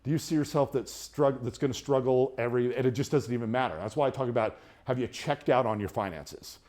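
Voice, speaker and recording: A middle-aged man teaching a money class in a casual, rambling way, with frequent restarts, getting more animated during personal stories. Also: fairly quick. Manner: grows more animated and higher when telling personal stories. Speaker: budgeting class instructor. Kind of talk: classroom lecture.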